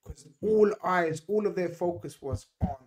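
A man's voice: high voice, unhurried, darkish tone. A middle-aged man hosting a casual football chat over a video call, emphatic and repeating words for stress. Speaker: host. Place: home room, video call. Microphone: desk mic on video call.

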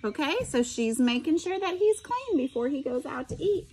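A middle-aged woman, a special education teacher, reads a picture book aloud with expression and adds instructive asides for her students. Her voice sits high and is very animated, moving at a moderate pace with a darkish tone, and there's a slight hiss or hum.

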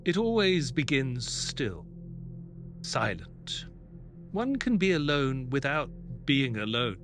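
Mild, polite doctor telling a detective story for audio drama, male actor; expressive mid-range voice over light music. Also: mid-range voice, slow. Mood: reflective. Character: mild, earnest doctor narrating his detective tale. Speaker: narrator and character in an audio play. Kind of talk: dramatic first-person audio play narration.

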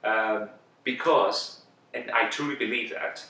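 Seated on a sofa in an indoor room, a man in his thirties whose first language is Greek talks thoughtfully in a casual interview, frequently restarting sentences. He is an actor with a medium-pitched, bright, forceful voice that moves a little slowly, recorded with a roomy, slightly distant sound.

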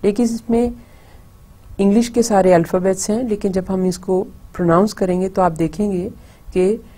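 A woman's voice: mid-range voice, steady tone, normal speed, mellow. A woman with a Pakistani Urdu accent teaching an online language lecture, patiently drilling pronunciation syllable by syllable.

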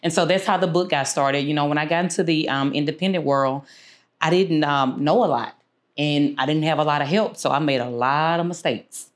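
A woman in her thirties from Houston, a business owner talking through her career as an interview guest, unhurried and full of fillers. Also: sits low. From Houston, Texas. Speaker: guest, insurance agency owner. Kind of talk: casual interview. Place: small studio room, seated.

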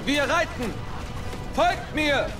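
Proud warrior horseman for a fantasy game: very high, rallying cries over loud music. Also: lively intonation, takes it slowly, exaggerated voice. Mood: rallying, fierce. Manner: rousing battle cries. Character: proud, fierce male fantasy horseman commander. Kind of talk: video game unit battle barks.

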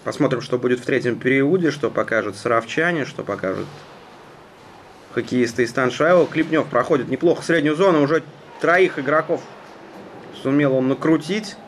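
A man giving live hockey play-by-play in a measured, conversational manner. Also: medium pitch. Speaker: hockey commentator. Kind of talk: live sports play-by-play commentary. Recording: noisy ice rink ambience. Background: arena noise.

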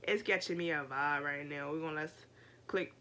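Reaction host, mid pitch, very bright and sharp tone, casual slang-heavy commentary to the audience. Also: steady tone, normal speed. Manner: chatty, slangy asides to viewers.

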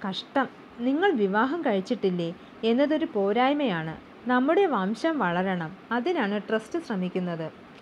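A shrewd male manager in an audiobook tale, measured and businesslike, as a woman reader puts him on. His voice sits fairly high, and the recording is a little dull, with a faint hum behind it. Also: sing-song. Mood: formal. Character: shrewd smooth-talking male manager of a club.

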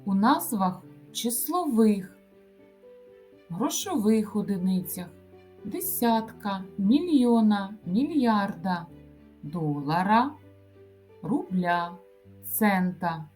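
Woman teacher, grammar lesson; unhurried, measured word-by-word delivery. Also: medium pitch, lively intonation, a little mellow, faint music behind. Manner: slow, deliberate dictation-like delivery. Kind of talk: grammar lesson, reading example word lists.

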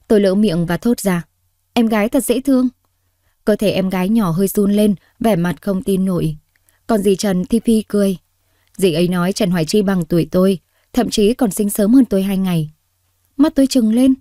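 A woman storyteller reading a story aloud in a steady, expressive way. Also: mid-range voice, no echo, studio quality. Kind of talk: scripted story narration.

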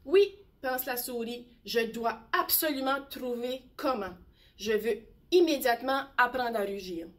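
A woman teacher reading a bedtime story aloud slowly and expressively. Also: a little high. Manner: slow, gentle, expressive.

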